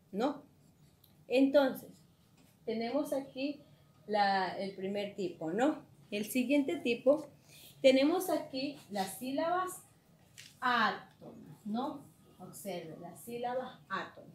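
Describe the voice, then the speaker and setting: Slow, patient woman teacher. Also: a little high. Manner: slow and patient, frequent tag questions, opens with prayer. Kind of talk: classroom lesson. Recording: echoey room, faint ambience.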